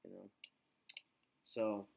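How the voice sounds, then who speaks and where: A man hosting his podcast as an English teacher, talking in a relaxed, reassuring, rambling way. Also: lowish voice, extremely slow, creaky, slightly rough. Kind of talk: casual chat.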